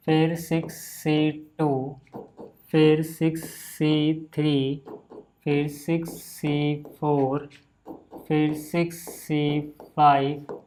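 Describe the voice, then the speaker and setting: A man teaching a maths lesson in a relaxed, chatty way, often saying "okay" and calling his students "brother". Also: a little high, slight background noise. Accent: Hindi. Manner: casual, repeats "ठीक है" and "भाई" often. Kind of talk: screen-recorded maths lesson.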